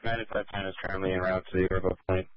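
A man giving fast, flat callouts over a police radio channel. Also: sits low. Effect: police radio transmission. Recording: dull dry radio channel.

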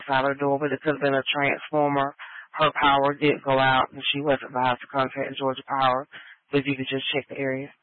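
A man's voice: medium pitch, completely flat delivery, a little fast, dry recording. A man, a police officer, speaking in terse, clipped radio codes over a police radio transmission. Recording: narrow tinny radio channel, dry.

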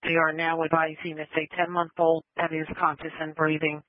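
A man's voice: fairly high pitch, completely flat delivery, no echo. Man dispatching over tinny radio. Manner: brisk, clipped call codes. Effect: two-way radio transmission. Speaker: emergency dispatcher.

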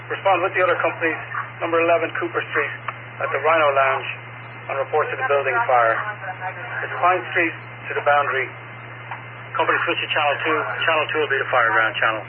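A male fire dispatcher heard over a two-way radio, his voice squeezed thin and tinny by the narrow band. A steady hiss of static sits under every clipped, repeated call, and his pitch rides a little high. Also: brisk. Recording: tinny, noisy radio transmission.

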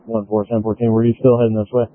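A man as an emergency responder speaking over police radio, matter-of-fact and quick. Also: on the low side, little pitch movement, dry recording. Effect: police radio transmission. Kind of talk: terse radio traffic. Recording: tinny narrow radio channel.

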